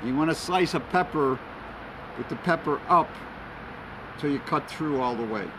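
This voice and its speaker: A man explaining each step as he cooks on an outdoor grill, in a relaxed, casual way. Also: a little high, normal speed. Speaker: home cook. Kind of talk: casual cooking demonstration. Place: outdoor grill in a city at dusk. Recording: outdoor street noise.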